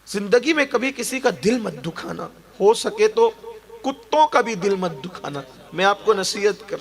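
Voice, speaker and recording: A man's voice: high voice, lively intonation. A man preaching a sermon, emphatic and exhorting his listeners.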